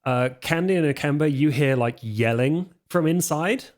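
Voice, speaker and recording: A man narrating as storyteller of a tabletop game in a loose, unhurried way, with many fillers. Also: a little high, a little mellow.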